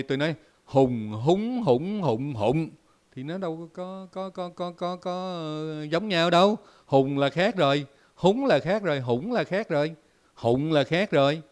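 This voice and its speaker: A man from Vietnam hosting a casual commentary monologue, full of "à" and "ờ" fillers, repeating words as he thinks and spelling out examples slowly. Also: medium pitch, clear, resonant tone. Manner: explains by drawn-out spoken examples. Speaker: host.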